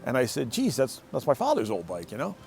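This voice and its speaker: A man's voice: mid-range voice, wildly swooping pitch, a little fast, gravelly, darkish tone. A middle-aged man telling a casual, rambling story from his shed workshop, often restarting and repeating words. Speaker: motorcycle owner telling a story.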